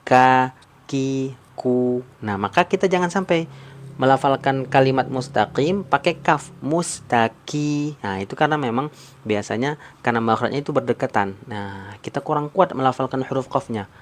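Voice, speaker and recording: A man teaching Quran recitation on a live stream, patiently repeating points, drawing out sounds slowly and coaxing viewers to answer in the comments. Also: medium pitch, lively intonation. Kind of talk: live-stream tajweed lesson.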